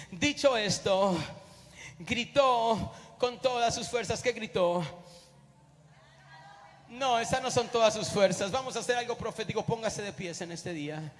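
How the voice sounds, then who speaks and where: A man preaching a fervent sermon as a pastor and urging his congregation on. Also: high voice. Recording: reverberant hall with faint music.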